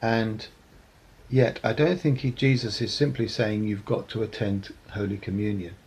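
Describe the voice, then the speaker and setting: Male preacher, measured reflective sermon delivery with a raspy, gravelly tone. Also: lowish voice, fairly even intonation, a little mellow, rough recording. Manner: measured and earnest, with frequent ums.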